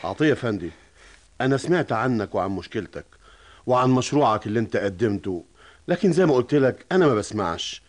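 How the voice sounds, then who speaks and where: Brief: male actor as an authoritative Egyptian boss, fast-talking, firm. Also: mid-range voice, lightly acted. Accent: Egyptian Arabic. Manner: questioning, authoritative. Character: stern probing male company director. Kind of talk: radio drama acting.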